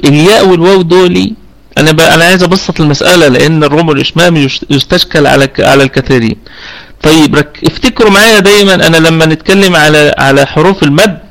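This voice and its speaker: Egyptian male tajweed teacher in an online class, higher-pitched, patient and checking in often. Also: fairly bright tone, low-quality recording. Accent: Egyptian Arabic. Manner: explains patiently, checks with students after each point; slows down to demonstrate recitation of words. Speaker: Quran recitation teacher. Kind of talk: live online tajweed lesson. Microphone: online voice chat room.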